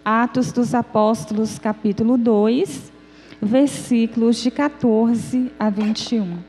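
Speaking with a fairly high pitch and a steady tone, this young Bahian woman has a Northeastern Brazilian Portuguese accent. At a small church's prayer group she reads scripture in a slow, gentle, inviting way, with faint music behind her. Her lectern mic sits on a stand, and the hall echoes.

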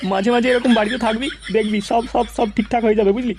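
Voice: medium pitch, fairly even intonation, fast, slight background noise, close to an everyday voice. A voice actor playing a wise, chatty older male tea-stall uncle who gives advice. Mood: advising. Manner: advising, chatty, teasing.

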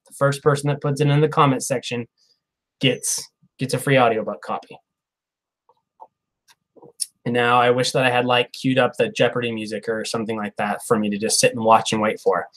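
Chatty and upbeat, with frequent laughs, a mid-range-voiced man in his thirties runs a casual live Q&A stream and reads out viewer comments. The recording comes from a clip-on lapel mic in a small room backed by a plain wall.

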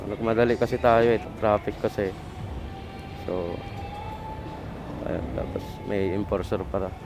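A man's voice: fairly low pitch, steady tone, a little slow, creaky, music in the background. A man, a motorcycle delivery rider, talking casually to his viewers outdoors on a city street, calling them bosses as he explains himself. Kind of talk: casual motovlog talk to viewers.

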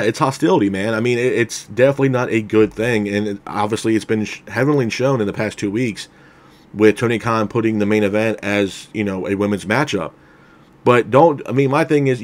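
Opinionated man with a low voice. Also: fairly quick. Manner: candid and opinionated, many fillers like "you know" and "man". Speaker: wrestling show reviewer. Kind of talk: casual spoken review. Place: unseen, voice over a title card.

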